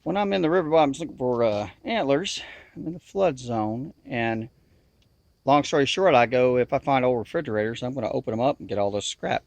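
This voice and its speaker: A man's voice: medium pitch, expressive, fairly quick, no room sound. A man with a Southern US accent and a nasal twang, chatting in a folksy drawl to the camera outdoors. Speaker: outdoor video maker. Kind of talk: casual chat to camera. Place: outdoors in river bottoms.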